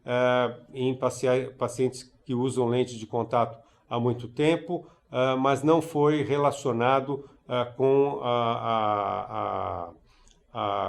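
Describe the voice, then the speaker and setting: A man giving a recorded conference lecture on eye care, halting, with many fillers and restarts. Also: mid-range voice, creaky. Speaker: ophthalmology lecturer.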